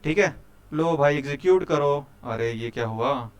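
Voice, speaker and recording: A young man teaches a live coding class. His voice is smooth and resonant and sits a little high. He chats with his students, teases them and keeps quizzing them. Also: lively intonation, moderate pace. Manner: chatty, quizzes students, keeps saying "bhai".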